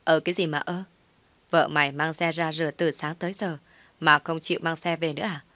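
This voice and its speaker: Woman reading a rough, barking older man, low voice, dry sound. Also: fairly even intonation, fairly quick, no room sound. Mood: gruff. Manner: shouting, rough. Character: gruff older man running a car wash.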